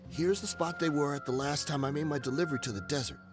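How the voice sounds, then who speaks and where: An actor playing a nervous, evasive ex-mercenary smuggler in a video game, wheedling in slangy, pleading talk. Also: male voice, on the high side, over music, close to an everyday voice. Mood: pleading, grudging. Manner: fast-talking, pleading, slangy. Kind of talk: scripted video game dialogue.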